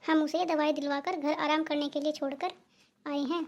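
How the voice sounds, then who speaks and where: A woman's voice: high voice, normal speed, highs cut off. Woman doing a young husband in a cartoon. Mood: explaining. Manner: reassuring, calm. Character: caring young husband, son. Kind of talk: cartoon dubbing.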